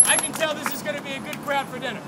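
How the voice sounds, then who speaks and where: A man's voice: very high-pitched, steady tone, very fast. A young man performing playful, joking street-magic patter to a crowd, in the manner of a kids party magician. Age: young adult. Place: city sidewalk, outdoors. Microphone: handheld camera a few feet away. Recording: busy outdoor street with crowd and traffic.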